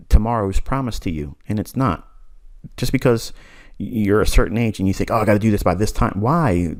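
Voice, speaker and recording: A forties-aged man with a low, darkish voice delivers a recorded trading mentorship lesson. He's blunt and insistent, hammering points through repetition and punctuating them with quick laughs.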